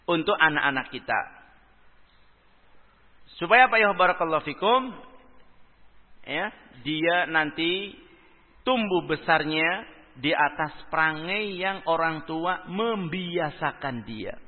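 A man giving a religious lecture, preaching with lively swings between loud emphasis and soft asides, weaving in Arabic phrases. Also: on the high side. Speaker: Islamic preacher. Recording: tinny phone-like audio in a reverberant hall.

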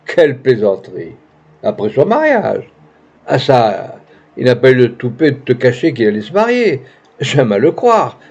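A man's voice: medium pitch, big pitch swings, measured pace, darkish tone, slightly rough, full character voice. A man reading the lines of a young actress with pompous, gushing phrasing, in a dull lo-fi recording. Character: young woman, pretentious theatrical actress.

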